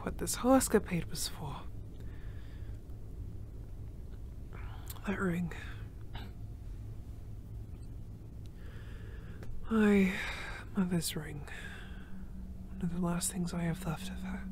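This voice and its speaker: A woman voicing a gentle, emotional young male reborn spirit in an audio role-play, breathless and given to nervous sighs and laughs. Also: on the low side, moderate pace, a little hiss or hum, close to an everyday voice. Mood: soft, tender.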